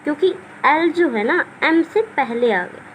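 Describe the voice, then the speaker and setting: A woman's voice: high voice, lively intonation, unhurried, slight background noise, poor audio. A woman explaining English spelling rules in a patient, repetitive teaching manner, asking questions and answering them herself. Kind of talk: classroom-style explanation.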